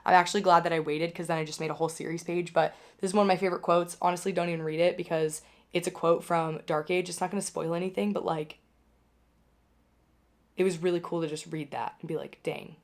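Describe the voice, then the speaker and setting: A young woman with a hoarse voice, still recovering from being sick, hosting a casual book wrap-up and chatting loosely with lots of filler words. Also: fairly low pitch. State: hoarse, recovering from losing her voice. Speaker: book channel host. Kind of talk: casual reading wrap-up chat.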